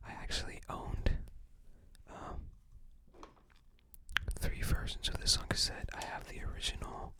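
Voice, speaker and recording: Whispering gently with lots of breath, a person making ASMR content walks through a show-and-tell slowly, pausing along the way.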